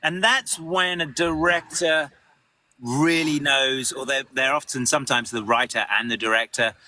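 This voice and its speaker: A man, a voice actor, answering questions in a live interview, animated and full of restarts. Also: medium pitch, moderate pace. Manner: animated, lots of restarts, acts out quotes.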